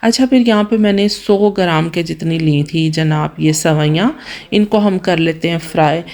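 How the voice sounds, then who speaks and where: Pakistani punjabi-accented woman, hoarse and worn out, lowish voice, chatty vlog voiceover, talks right to viewers. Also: moderate pace, darkish tone. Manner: chatty, addresses viewers directly, asks their opinion. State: hoarse, tired from fasting. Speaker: vlogger. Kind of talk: casual home vlog voice-over. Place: home in Germany, voice-over.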